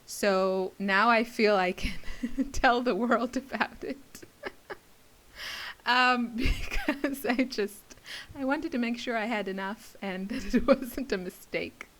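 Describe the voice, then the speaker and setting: This crafter, who creates videos and teaches classes, has a slightly high, somewhat bright voice and speaks slowly. She rambles and giggles in casual chit-chat aimed at her viewers through the camera.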